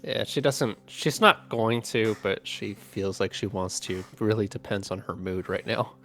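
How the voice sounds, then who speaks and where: A man's voice: fairly low pitch, a little slow, fairly bright tone, soft background music. A man chatting casually as a player in a tabletop game, stammering and wry.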